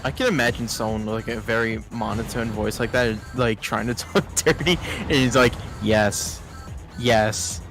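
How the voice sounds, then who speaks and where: A man joking along in a casual watch-along chat, halting and restarting his sentences. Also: medium pitch, music in the background.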